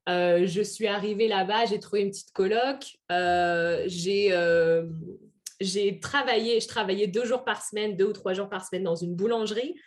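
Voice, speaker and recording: A woman's voice: medium pitch, normal speed. Earnest French woman telling her story. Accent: French, picked up some Québécois. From France. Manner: earnest, many fillers and restarts. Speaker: guest. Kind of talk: casual podcast interview.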